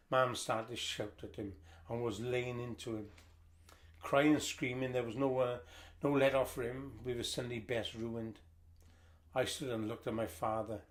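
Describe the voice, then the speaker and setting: An older man reading a family history aloud, telling the story in a lively storytelling way. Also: medium pitch, normal speed.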